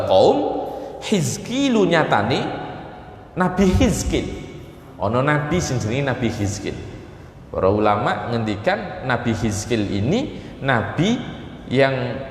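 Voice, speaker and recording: East Javanese male Quran teacher, lively pitch, echoey mosque lecture hall. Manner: lively, swoops from low asides to high emphatic phrases; switches into Javanese word-by-word gloss readings.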